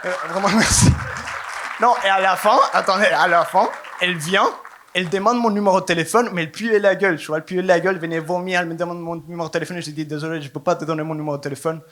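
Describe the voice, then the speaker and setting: A man's voice: high-pitched, fairly even intonation, quick pace, a bit bright, slight background noise. A young man from Venezuela with a Latin American Spanish accent, doing a punchy, ironic stand-up set on stage. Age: young adult. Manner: punchy, ironic storytelling to a live crowd. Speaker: stand-up comedian. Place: comedy stage before an audience.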